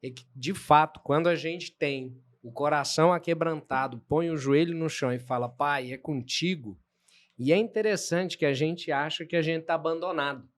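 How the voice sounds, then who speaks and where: A man's voice: on the high side, a little fast, hardly any pauses. A man, a podcast host speaking in a reflective, preacher-like way. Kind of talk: casual chat.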